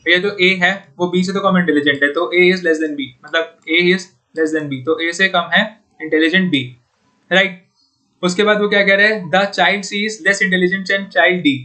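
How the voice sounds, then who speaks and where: A man's voice: high voice, steady tone, a little slow, pushed and bright. A young man teaching exam puzzles in a casual, chatty way, often calling his viewers "bhaiya" and "yaar". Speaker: online exam-prep tutor. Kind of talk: informal Hindi lesson solving puzzles.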